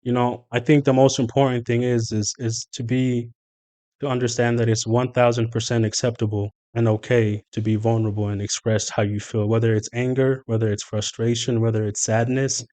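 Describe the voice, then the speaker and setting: A man guesting on a podcast, talking casually and earnestly, often pausing to think with fillers. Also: medium pitch, flat delivery, warm tone. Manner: thoughtful, earnest, with frequent fillers and exclamations.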